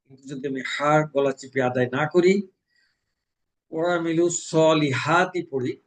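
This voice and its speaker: A man from Bangladesh teaching Quran recitation, explaining pronunciation rules and slowly chanting example verses. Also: mid-range voice, poor audio. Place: mosque.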